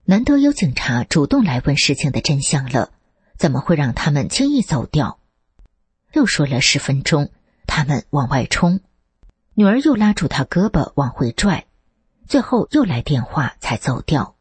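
A woman reading a first-person account as scripted narration, lifting her pitch for quoted speech. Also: big pitch swings, moderate pace, darkish tone, husky, no room sound. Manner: reads steadily, lifts the pitch for quoted speech.

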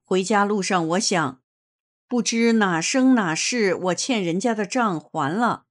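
Woman narrator, unhurried, earnest read-aloud testimony, mid pitch. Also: animated. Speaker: reader of a personal testimony.

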